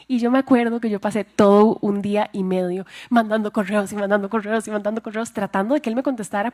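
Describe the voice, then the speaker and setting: A woman's voice: medium pitch, darkish tone. A young woman with a Costa Rican accent giving a church talk to women, sharing a personal testimony and asking her listeners questions. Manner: confiding, asks the audience questions. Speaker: speaker at a women's church event.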